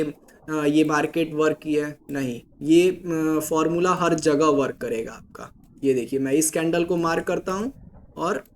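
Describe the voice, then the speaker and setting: A man hosting a casual stock market chart walkthrough, patiently explaining and checking in with his listener. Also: a little high. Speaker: market analysis host.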